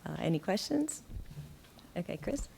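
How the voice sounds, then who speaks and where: A woman chairing a school board meeting, calling for motions and questions in a brisk procedural way. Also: mid-range voice, big pitch swings, creaky, warm tone, a little hiss or hum.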